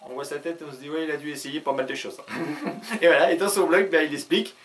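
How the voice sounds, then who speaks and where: A man's voice: on the high side, a bit bright, slight background noise. A man hosting his own video channel in a casual comic monologue, rambling with many hesitations and frequent chuckles. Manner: talks fast.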